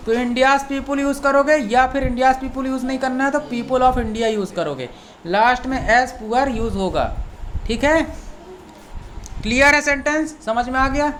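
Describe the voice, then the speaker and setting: A woman teaching an online language lesson, explaining slowly, repeating each point and reading example sentences word by word. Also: sits high, a bit bright, a little hiss or hum. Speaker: English teacher.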